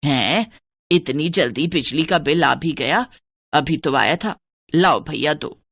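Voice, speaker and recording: A woman voicing a miserly, scheming older mother-in-law in a cartoon, with a stingy, scolding manner and a lowered voice. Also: slow pace, a bit bright, no room sound, exaggerated voice. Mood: grumbling. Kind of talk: cartoon voice acting.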